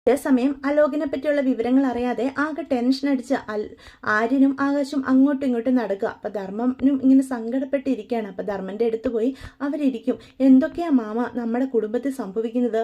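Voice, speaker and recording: A woman's voice: high-pitched, fairly quick, warm tone. A woman casually retelling a TV serial's episode as a chatty narrator. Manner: chatty, keeps adding "you know" tags. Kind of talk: casual storytelling. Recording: dull lo-fi recording.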